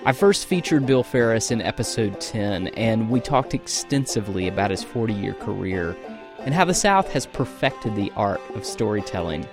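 A man's voice: fairly low pitch, expressive, normal speed. A man hosting a podcast, giving a scripted introduction that speaks admiringly of his guest. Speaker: podcast host. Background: guitar music.

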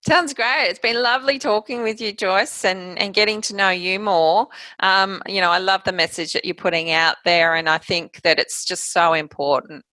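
A woman in a casual interview, talking about her coaching business in a brisk, practical way and laughing easily. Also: mid-range voice, steady tone, pushed and bright, no room sound, rough recording. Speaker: guest, health coach.

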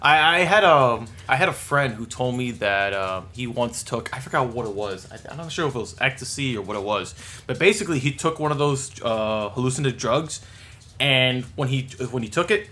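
A man's voice: mid-range voice, a little fast. A man hosting a casual comedy podcast, steering the talk between his co-hosts. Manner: steers the conversation, relaxed. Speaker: podcast host.

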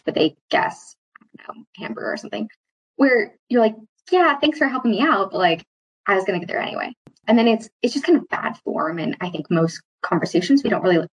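In a rough recording, a woman with a slightly low, husky voice reflectively answers interview questions as an employee speaking on stuttering. She speaks in a thoughtful, halting way and rephrases as she goes. Her mild, mostly covert stutter surfaces only occasionally as repeated starts.

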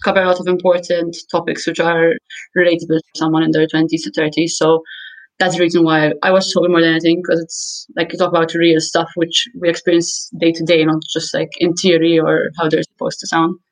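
A woman in her late twenties speaks with a Maltese accent. Her voice sits a little low for a woman. She talks in a casual, informal interview style, the way a podcast guest chats. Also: flat delivery, brisk, rough recording. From Malta.

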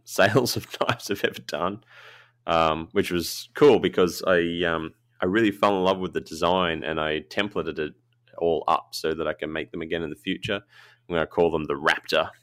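A man's voice: deep voice, a bit bright, no echo, clean studio sound. A man hosting a podcast, chatting casually with frequent laughs and filler words. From Australia. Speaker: podcast host, knifemaker.

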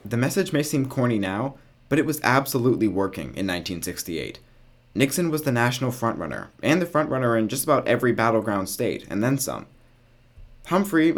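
A man hosting a podcast, reading scripted history narration with casual, wry asides. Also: medium pitch. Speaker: podcast host.

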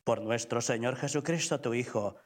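A man's voice: mid-range voice, normal speed. A man speaking as a priest, presiding over Mass with liturgical address and prayer.

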